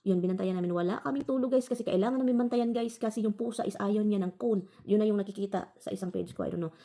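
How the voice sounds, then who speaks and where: A woman from the Philippines chats quickly to her vlog viewers in a mellow, dark-toned voice. She rambles, restarts sentences and keeps calling her audience "guys". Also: medium pitch, slight background noise. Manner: frequent self-corrections and restarts. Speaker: vlogger. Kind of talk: casual storytelling to viewers.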